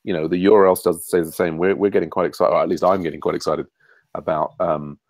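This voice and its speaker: A man's voice: low voice, steady tone, fast talker, darkish tone, dry recording, low-quality recording. A man hosting a casual online meeting, talking with many fillers and restarts over a video call. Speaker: meeting host.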